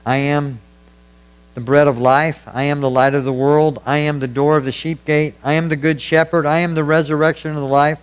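A man with a fairly high voice preaches a sermon in an earnest, emphatic way, repeating his key points for weight. A faint mains hum sits under the recording. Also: flat delivery, moderate pace, clear, resonant tone, rough recording. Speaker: pastor. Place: church.

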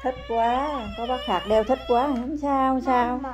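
A woman chatting at home with her toddler as a mother, coaxing and praising in a patient, gentle way. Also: high voice, steady tone, measured pace, a crowd in the background. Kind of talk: casual family chat to a small child. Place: home, indoors.

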